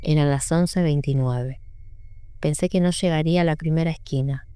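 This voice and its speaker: A woman narrating an audiobook in a measured, sombre reading. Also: deep voice, fairly even intonation, dark tone, clear, resonant tone, no echo. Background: faint music.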